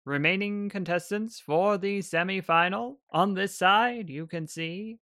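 A man doing a booming arena announcer. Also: bright, forceful tone, dry recording, studio quality, heavily acted. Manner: grand, drawn-out announcing.

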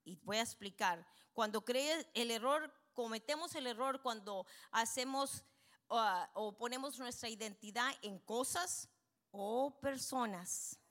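A woman's voice: a little high, a bit bright. Emphatic bilingual woman preacher. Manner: switches between Spanish and English, frequent amens; emphatic, slows down for key points. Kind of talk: bilingual sermon.

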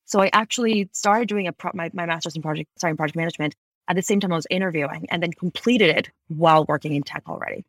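Her voice sits on the low side with a touch of brightness, and the recording is dry. She is an Ecuadorian woman in her thirties, guesting on a podcast from a Bay Area home office, speaking rapidly and articulately about her career in a conversational interview while often correcting herself mid-sentence.

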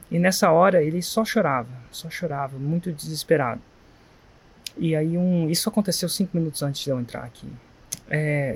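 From a quiet corner of a guesthouse, a man with a Brazilian Portuguese accent runs a live stream, casual and sincere, rambling across stories. His slightly high, slightly mellow voice comes with a little hiss or hum.

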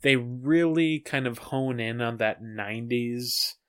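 A man's voice: medium pitch, takes it slowly, clean tone. A man co-hosting a podcast in casual chat, earnest and keen to set the record straight. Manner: earnest, keen to correct himself. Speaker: podcast co-host.

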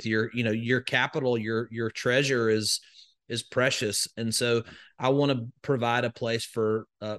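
A man's voice: medium pitch, fairly bright tone. A man from Alabama with a Southern accent, a podcast guest telling his story in a folksy, rambling way with many fillers. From Northwest Alabama, US. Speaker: guest, crypto educator. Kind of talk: conversational interview.

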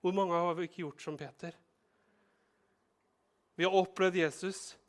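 High-voiced, lively male pastor preaching. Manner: lively, humorous, conversational preaching. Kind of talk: sermon.

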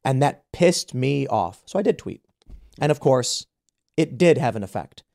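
Hosting a casual podcast conversation, a US man in his thirties relates an indignant story, restarting and repeating words often. He speaks a little slowly with a medium, expressive, darkish voice and vocal fry.

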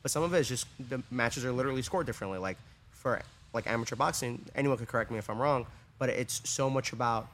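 A man's voice: medium pitch, fast, a bit bright, slight background noise. A man co-hosting a podcast, casually explaining a point in an easygoing way. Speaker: podcast co-host.

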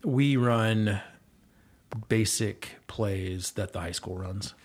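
His voice is fairly low and darkish, and he talks slowly. The middle-aged man, a guest who volunteers as a girls' basketball coach, chats casually and earnestly about coaching his kids, rambling with fillers and restarts.

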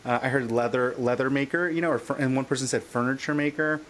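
A man's voice: medium pitch, fairly even intonation, fast talker, fairly bright tone, slight background noise. A man hosting a parenting podcast, chatting eagerly with his guest in a casual interview. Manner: enthusiastic, chatty with fillers. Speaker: podcast host.

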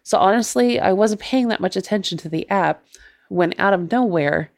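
A woman podcast host narrating her own ghost story in a measured, deliberate way. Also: mid-range voice, vocal fry, darkish tone, no echo, clean studio sound.

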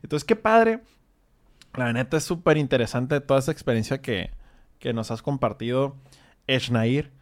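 A man's voice: mid-range voice, normal speed, long pauses. A man from northern Mexico with a northern Mexican accent, hosting and producing a casual interview, joking and swearing freely. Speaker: podcast host and producer.

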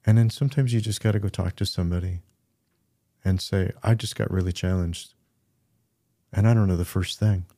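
Deep gravelly-voiced man, earnest pastor. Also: brisk, long pauses, warm tone, no room sound, studio quality. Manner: earnest storytelling, acts out quoted voices. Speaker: pastor and podcast co-host. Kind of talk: casual podcast conversation.

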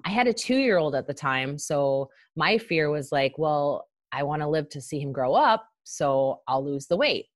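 A woman's voice: low voice, lively intonation, measured pace, few pauses, no echo, clean studio sound. A woman, a life coach and podcast guest, telling her personal story in a frank, informal, conversational way.

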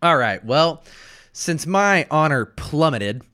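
A man's voice: a little high, big pitch swings, takes it slowly, bright, forceful tone. A man playing in a tabletop game podcast, joking around and bantering playfully with the table. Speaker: player. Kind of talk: casual tabletop podcast chat.

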